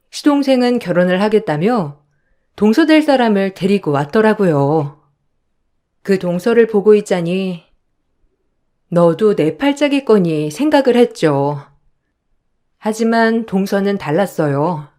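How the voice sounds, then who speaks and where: Woman, story narrator, first-person narration, calm, conversational. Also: medium pitch, measured pace.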